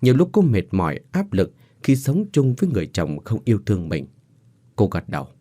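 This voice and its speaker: Man, horror story narration, lively expressive delivery, mellow low voice, dry close sound. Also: brisk, no room sound. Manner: expressive, voices every character.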